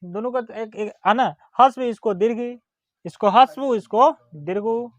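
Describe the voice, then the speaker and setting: A teacher giving a grammar lesson, dictating definitions slowly, repeating words and checking that students follow. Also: medium pitch, no room sound. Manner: slow and deliberate, repeats words and checks understanding; drawls vowels aloud as examples.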